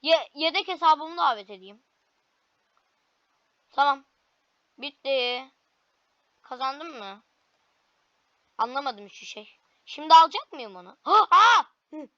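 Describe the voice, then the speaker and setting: A woman commentating her own gameplay, excitable, with frequent frustrated cries and cheers. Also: high-pitched, slow pace, pauses often, no room sound, highs cut off. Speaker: gaming video creator.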